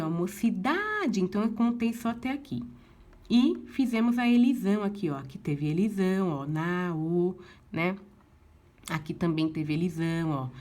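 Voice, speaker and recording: A woman's voice: lowish voice, a little mellow. A woman teacher with a Brazilian Portuguese accent, patiently going through exercise answers for her class and dropping in frequent little check-ins with the students. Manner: patient, uses many fillers like "né" and "ó". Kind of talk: recorded class lesson, explaining exercises.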